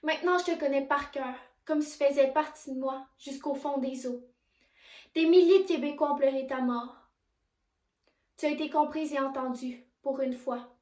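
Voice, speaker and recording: A young woman delivers a dramatic monologue in a solemn, measured voice. Her voice sits high. The recording carries a noticeable room echo. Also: steady tone, a little mellow. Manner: solemn, addresses the listener directly. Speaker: monologue performer.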